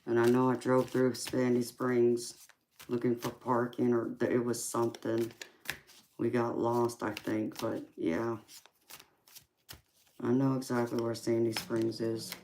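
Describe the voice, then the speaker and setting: A woman in her forties from California hosts a relaxed livestream, chatting with viewers and laughing often between remarks. Her voice sits unusually deep and stays flat in tone. Steady background noise and card shuffling are heard behind her. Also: unhurried. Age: 40s. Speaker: tarot reader and livestream host. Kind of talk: casual live chat reading viewer comments.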